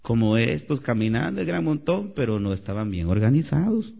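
Gravelly animated Spanish-speaking preacher in a hall. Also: male voice, medium pitch, brisk. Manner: animated preaching, rising to shouts. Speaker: pastor. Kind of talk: sermon. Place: church sanctuary. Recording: lo-fi church recording with long reverb.

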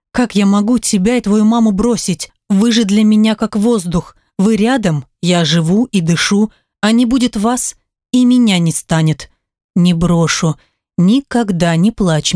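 A woman voicing a grown man, a protective father speaking softly and holding back his feelings. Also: medium pitch, a little slow, no echo, clean studio sound, close to an everyday voice. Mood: tender. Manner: soft, held-back speech.

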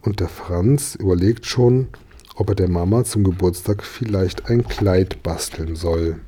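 A man reading a children's story aloud in a calm, measured way. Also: deep voice, slightly rough. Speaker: reader.

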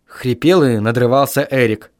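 A man narrating an audiobook in the first person, expressive storytelling. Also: medium pitch, normal speed, dry recording, clean studio sound.

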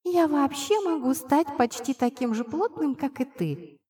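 A woman's voice: sits high, animated, a little slow, warm tone, voice pushed up. A woman voicing a cheeky invisible male spirit that turns into a tiny winged kitten, speaking in a nasal whisper with a teasing, condescending manner, in an audiobook reading. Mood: sulky teasing. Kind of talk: audiobook narration.

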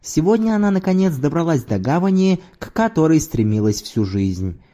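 A man narrating a literary audiobook in an expressive storytelling manner. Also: on the high side, moderate pace.

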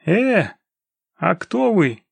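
A man's voice: a little high, animated, a little slow, creaky, no echo, exaggerated voice. A man voicing a desperate middle-aged mountain man who pleads and wails for help finding his daughter. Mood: pleading. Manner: pleading, wailing.

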